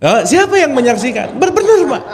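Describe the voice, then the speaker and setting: A man leads an informal spiritual lecture a high, bouncing voice. He keeps it chatty, quizzes his listeners and laughs easily, a light touch. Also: very animated, fairly quick. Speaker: spiritual teacher. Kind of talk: informal religious lecture to an audience.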